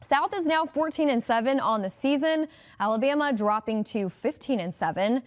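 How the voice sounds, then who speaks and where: Female TV anchor, slightly high-pitched, brisk and upbeat scripted delivery. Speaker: news anchor. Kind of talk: scripted news reading.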